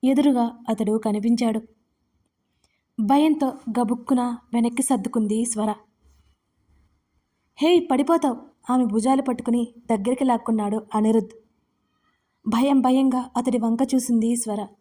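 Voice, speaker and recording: A woman narrating a romance audio story with steady, expressive reading. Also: on the high side, normal speed.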